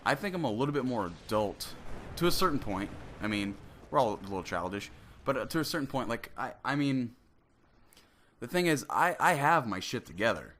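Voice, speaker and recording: In his twenties and working as a gaming commentator, this man has a cold that leaves his voice nasal and stuffy. He rambles through a solo commentary at a brisk, very animated clip, with a medium pitch and fairly bright tone, often cutting off mid-sentence to start over.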